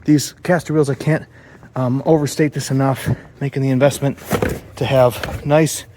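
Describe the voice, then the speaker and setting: A man talking through a theater set build in a loose, rambling vlog manner. His voice sits at an ordinary middle pitch. He chats casually and explains each step as he goes. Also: steady tone, normal speed, noisy background. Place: theater stage and workshop.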